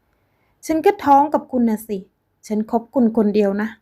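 A woman voicing a shrill, jealous pregnant ex-lover who shrieks her accusations in a storybook reading. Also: steady tone, moderate pace, mellow, lightly acted. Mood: shrill accusing.

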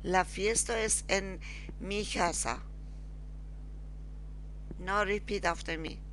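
A woman with as her teaching a beginners' lesson, halting and repeating words slowly. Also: medium pitch, a bit bright, a little hiss or hum. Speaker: language teacher. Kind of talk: slow screen-recorded lesson.

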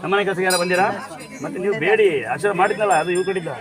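A man's voice: sits high, steady tone, very fast. A man at a temple giving blessings and home remedies to devotees, commanding and repeating his instructions. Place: outdoor temple grounds among devotees. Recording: crowd noise around.

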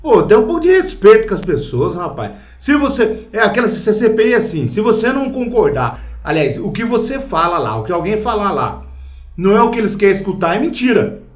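An indignant man with a Brazilian Portuguese accent delivers a slow, repetitive rant, dropping swear words and calling everyone "cara." His voice sits high for a man. It rings around an echoey room. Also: sing-song. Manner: indignant, profane, keeps saying "cara". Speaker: political video commentator. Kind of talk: angry rant to camera.

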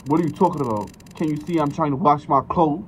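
A man streaming a game, talking loudly and joking with constant profanity while voicing characters. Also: on the high side, quick pace, slight background noise. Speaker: gaming streamer. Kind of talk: casual gaming chat with voice acting.

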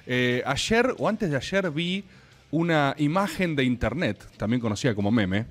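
A man in his thirties with an Argentine Spanish accent hosts a casual streaming show, bantering in a medium-pitched voice a little slowly. He's animated and insistent, repeating himself as he presses his point again and again.

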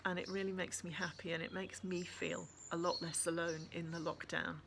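A woman's voice: lowish voice, flat delivery, normal speed, gravelly, a bit bright, a little hiss or hum. A woman author reading her own story aloud, then chatting to listeners in a friendly way with fillers. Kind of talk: audiobook reading and casual sign-off.

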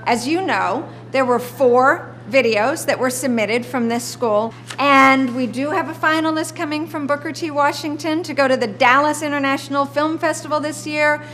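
A woman from a sponsoring company announcing student film contest finalists to high school classes in an upbeat, congratulatory way. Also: moderate pace, few pauses, a bit bright, soft background music. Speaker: sponsor representative.

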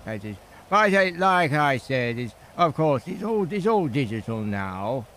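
A man's voice: mid-range voice, sing-song, a little slow, fairly bright tone, slight background noise. A man with a younger voice faking an old British grandfather, rambling and stammering through tall tales in improvised role-play. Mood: fond, wistful.

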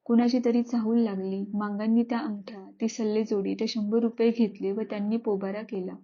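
A woman storyteller reading a classic story aloud in a measured, expressive way. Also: medium pitch, dull audio. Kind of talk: scripted narration of a classic story.

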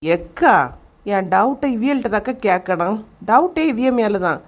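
A woman plays a cheeky young cartoon village woman with a Kanyakumari Tamil accent. Her voice is at a middle pitch and sounds natural. She teases and coaxes in a wheedling, playful way. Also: expressive, moderate pace, muffled recording, lightly acted. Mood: teasing. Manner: teasing, pleading. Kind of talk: animated comedy dialogue.

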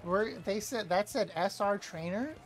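A woman streaming a live game, trash-talking playfully, apologizing to teammates and suddenly yelling when a play goes wrong. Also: medium pitch, a little slow, soft background music. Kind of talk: live gameplay commentary.

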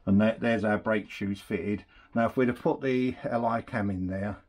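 A man with a lowish, slightly rough voice speaks at a normal speed, chatting casually as he works through a scooter rebuild at his workshop bench. He's relaxed and talkative while his hands stay busy. The camera sits on the bench, with him off to one side.

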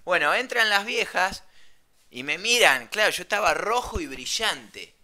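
A young man with an Argentine Rioplatense accent, casually telling a slangy, animated anecdote. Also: high-pitched, unhurried. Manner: animated, slangy, laughs mid-story. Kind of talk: casual storytelling.

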